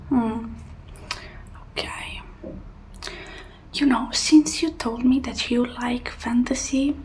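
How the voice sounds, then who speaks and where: A woman in a whispered role-play as a helpful librarian, speaking in a hushed, breathy whisper. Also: fairly high pitch, slight background noise, low-quality recording. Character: helpful soft-spoken female librarian suggesting books.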